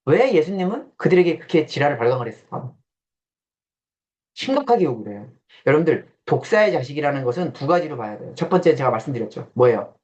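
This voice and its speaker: A man gives a casual classroom lecture in a blunt, teasing way, quizzing his listeners and acting out coarse quoted voices. His voice is a little high, very animated and darkish, and he talks fast. The lo-fi recording sounds dull.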